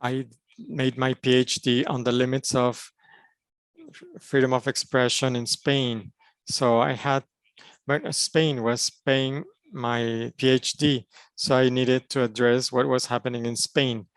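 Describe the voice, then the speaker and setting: At a conference panel, a man interprets, taking it slowly and moving through formal phrases in steady little chunks. He has an ordinary male pitch and a clear, resonant tone; the recording is close and dry without echo.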